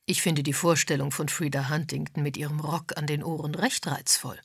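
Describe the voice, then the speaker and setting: A woman reading an audiobook, voicing a polite gentleman with a dry wit. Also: deep voice, fairly even intonation, normal speed, gravelly, breathy edge, dry recording, heavily acted.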